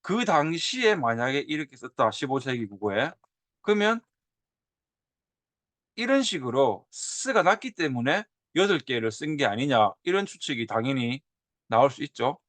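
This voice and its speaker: 옛 문헌을 보여 주며 예시 발음을 되풀이해 가며 강의하는 남자 교사. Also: male voice, medium pitch, normal speed, no echo. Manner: animated, drawls and repeats example sounds. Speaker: teacher. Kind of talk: lecture on old Korean script.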